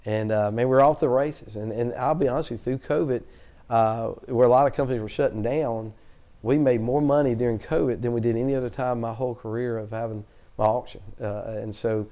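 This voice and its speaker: Fast-talking man, dark voice. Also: mid-range voice. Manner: fast-talking, chatty, animated storyteller. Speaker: auctioneer, guest. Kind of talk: casual interview storytelling.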